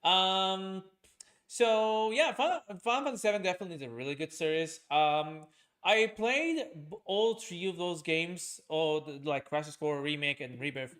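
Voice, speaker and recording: At a normal speed, a streamer and podcaster whose voice sits high and fairly bright chats casually, raising his voice and rambling with frequent fillers and restarts.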